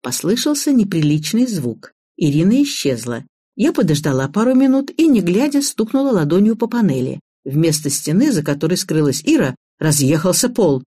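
A woman narrating an audiobook in the first person, in a lively, expressive way. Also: lowish voice, normal speed, husky.

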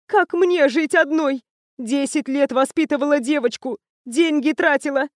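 A woman's voice: high-pitched, moderate pace, no echo, clean studio sound, pitched above the performer's own voice, lightly acted. A woman voicing a hysterical middle-aged foster mother who whines and wails through tears. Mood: sobbing, whining. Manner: whiny, wailing through tears.

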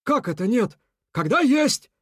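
A storyteller voicing a sly, cheerful male beaver who hawks goods in a brisk salesman's patter. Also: medium pitch, no echo, studio quality, voice pushed up, close to an everyday voice. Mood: insistent.

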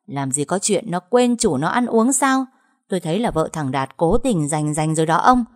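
A woman's voice: lowish voice, lively intonation, normal speed, close to an everyday voice. A woman voicing a domineering older matriarch who scolds in a bossy tone. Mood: scolding.

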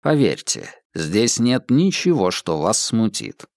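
A man voicing a calm, commanding male detective in a whispered role-play, his whisper low and steady. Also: slow pace, no room sound, clean studio sound, full character voice.

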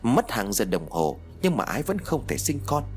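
Expressive male horror audiobook narrator. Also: mid-range voice, normal speed. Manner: expressive, dramatic storytelling.

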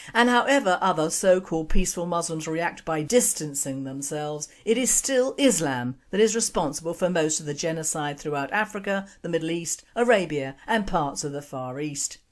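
Brief: woman radio host, lower-pitched, reads script in a steady, deliberate way. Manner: measured, deliberate reading. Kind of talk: scripted radio commentary and jokes.

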